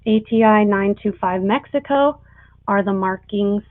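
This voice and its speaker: Lady auctioneer selling on a livestream, slow talker, kinda tinny phone sound. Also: medium pitch, slight background noise. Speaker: live sale auctioneer and seller. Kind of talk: auctioneer calling bids. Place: live online sale stream.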